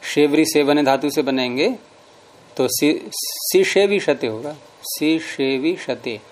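A man teaching a grammar lesson, repeating word forms slowly and explaining rules step by step. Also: a little high, slight background noise.

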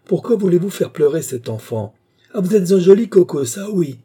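A man's voice: on the high side, level tone, moderate pace, dark tone, husky, voice pushed up. A man reading an audiobook, voicing an indignant plump mother scolding a stranger. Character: plump fresh-faced woman, scolding mother.

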